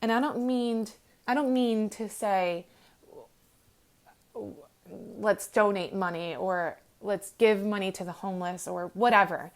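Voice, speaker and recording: Young woman host, earnest, gentle, emotional motivational monologue with ums and restarts, close to tears. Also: medium pitch, a little slow.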